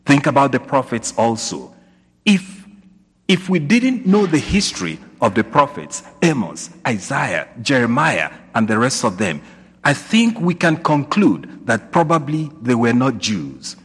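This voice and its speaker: Husky priest preaching in cathedral echo. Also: male voice, medium pitch, very animated, measured pace. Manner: preaching with rising questions and emphatic repetition. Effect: cathedral echo, long reverb of a large church. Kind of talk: sermon. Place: church. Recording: long church hall reverb.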